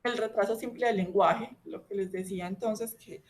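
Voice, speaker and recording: A woman's voice: mid-range voice, fairly even intonation, normal speed, darkish tone. A woman doctor giving an educational talk on children's language disorders, explaining step by step and often checking in with the listener.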